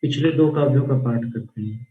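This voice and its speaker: A man teaching how to recite a hymn, chanting verse lines slowly and then explaining the pronunciation in quick spoken asides. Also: medium pitch. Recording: echoey, dull, distant mic.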